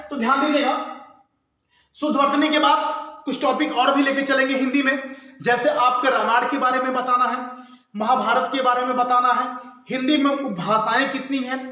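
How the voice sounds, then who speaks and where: A man teaching an exam-prep lesson, drilling his listeners by posing a question and answering it at once. His voice sits very high and sounds bright and forceful. It rings out in a strongly echoing room. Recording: very echoey room.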